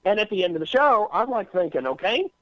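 A high-pitched man with a very lively voice tells a long story on a radio show, jumping into the voices of the people he quotes. The sound is dry and a bit dull, like broadcast audio. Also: fast talker, no room sound. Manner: animated storyteller acting out quotes. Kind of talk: casual storytelling chat.

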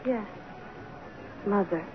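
A frightened teenage girl in a vintage radio play, hushed and stammering. She speaks slowly in a high voice. The sound is thin and phone-like, with hiss. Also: lively intonation. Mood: timid. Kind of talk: 1940s radio acting. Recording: tinny old radio broadcast with hiss.

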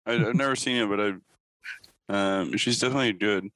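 A man's voice: on the low side, moderate pace, fairly bright tone, dry recording, poor audio. A man guesting on a podcast, telling rambling stories full of fillers and laughter. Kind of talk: casual chat.

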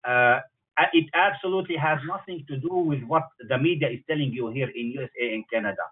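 A man's voice: mid-range voice, quick pace, husky. Man heard over a speakerphone. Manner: hesitant, keeps calling for attention. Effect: on speakerphone, sounds far away. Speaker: caller in a group call. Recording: tinny phone line.

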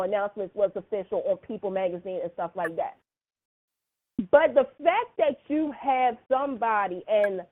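A woman hosting a podcast, chatting casually through a soap opera recap, full of "like" and "you know". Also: sits high. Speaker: podcast host. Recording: tinny phone-like sound.

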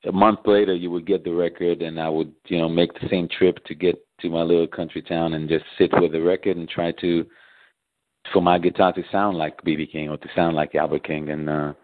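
A man from Israel, a guest musician, answering interview questions casually in a soft, halting way with many fillers. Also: low-pitched, level tone, no room sound. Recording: dry, tinny phone-like line.

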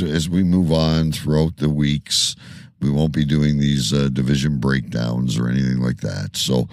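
A man's voice: extremely low pitch, gravelly, dry recording, studio quality. A man hosting a casual sports podcast, talking loosely with many restarts and fillers. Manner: rambling, stumbles and restarts, fillers. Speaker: podcast host.

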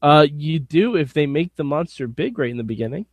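A man's voice: a little high, sing-song, a little fast, no echo. A man co-hosting a casual chat, tossing in blunt, wry quips. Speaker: podcast co-host.

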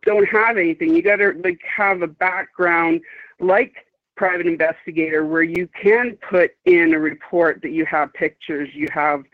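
This caller is a woman of about fifty whose lowish voice stays fairly even as she talks at a moderate speed. Chatting casually, she comes across as emphatic, outspoken, and prone to rambling, with a bit of cursing, all heard through a dry, tinny phone line.

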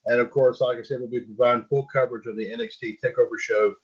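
A man's voice: mid-range voice, fairly even intonation, fast talker, a crowd in the background. A man hosting an internet radio show, talking in a folksy, repetitive way with plenty of fillers. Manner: folksy, repeats himself, lots of fillers. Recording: dull lo-fi internet radio audio.

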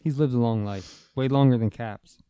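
A man co-hosting a podcast, chiming in with jokes and quick remarks. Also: mid-range voice, dark tone, clean tone, no room sound. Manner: jokey, chimes in with quips. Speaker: podcast co-host. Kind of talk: casual chat.

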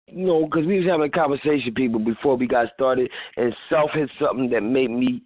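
A man's voice: medium pitch, brisk. A man hosting a radio show, talking casually in a rambling way and acting out what people said. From Philadelphia. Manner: rambling, animated, acts out quotes. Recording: tinny phone-like line.

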